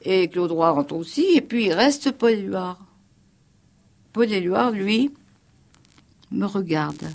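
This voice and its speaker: An older woman telling her memories on the radio, halting, with many fillers and restarts, bringing others' words to life as she tells them. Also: mid-range voice, expressive, vocal fry, a little mellow. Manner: vivid storyteller quoting others. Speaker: witness recounting her past. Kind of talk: spoken memoir on radio.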